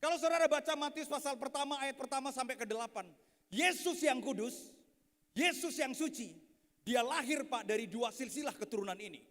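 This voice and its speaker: A man in his thirties preaches with animated humor, telling family stories and calling out to the audience. His voice sits very high for a man. A long reverb from a large hall trails every phrase. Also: a little fast. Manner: animated and joking, addressing the audience as sir. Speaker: pastor. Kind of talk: lively sermon with storytelling. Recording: echoey hall.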